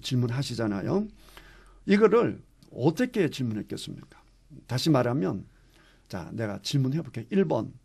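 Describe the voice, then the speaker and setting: Man, pastor, gravelly voice, lively Bible class teaching, questions to the class. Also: medium pitch, normal speed. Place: church classroom.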